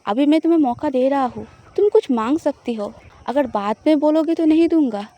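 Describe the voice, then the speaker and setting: A woman's voice: high voice, a little fast, warm tone, close to an everyday voice. Woman voicing a teasing, possessive wife. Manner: teasing, flirtatious.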